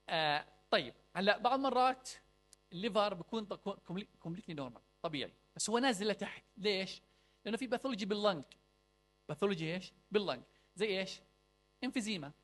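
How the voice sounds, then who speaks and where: A man's voice: a little high, a bit bright. A young man teaching a clinical medicine class, quizzing students with rhetorical questions and mixing in English medical terms. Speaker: medical lecturer.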